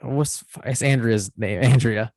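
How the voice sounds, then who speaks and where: A man's voice: mid-range voice, measured pace, no echo, low-quality recording. A man hosting a casual chat about movies, rambling and correcting himself as he goes. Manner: rambling, self-correcting, animated. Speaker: channel host.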